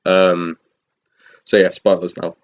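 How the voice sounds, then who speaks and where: A man's voice: sits low, flat delivery, takes it slowly. A man giving a casual spoken film review, rambling with frequent ums and restarts and the odd chuckle. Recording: dull lo-fi recording.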